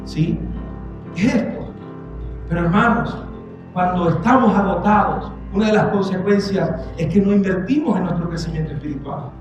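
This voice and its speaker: A man's voice: sits high, moderate pace, highs cut off. A man preaching a sermon as pastor, emphatic, repeating his points and calling out to the congregation. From Venezuela. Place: church. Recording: echoey church hall with music behind.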